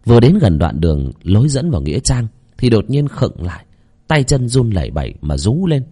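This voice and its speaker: A man telling a village horror story in a dramatic, expressive voice. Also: medium pitch, a little fast, breathy edge.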